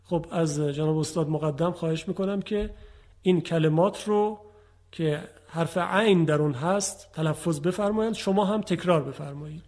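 A man teaching Quranic letter pronunciation in a formal televised lesson, explaining patiently and drawing out example words slowly. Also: fairly high pitch, darkish tone. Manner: formal, patient explaining with slow drawn-out demonstrations.

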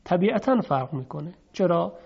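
Man teaching tajwid, slightly high voice. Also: lively intonation, vocal fry, a little mellow, husky. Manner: explanatory, asks and answers his own questions; demonstrates sounds by chanting them slowly. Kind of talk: Quran recitation lesson lecture. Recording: dull lo-fi recording.

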